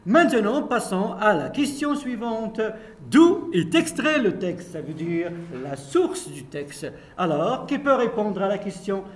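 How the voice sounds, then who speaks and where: A man's voice: high voice, sing-song. A male primary school teacher reading a story and leading a comprehension lesson with his pupils in the classroom. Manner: slow, repetitive, addresses pupils directly.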